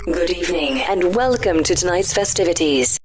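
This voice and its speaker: A woman making a loud, formal event announcement over a PA system. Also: fairly low pitch, expressive, normal speed. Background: loud music.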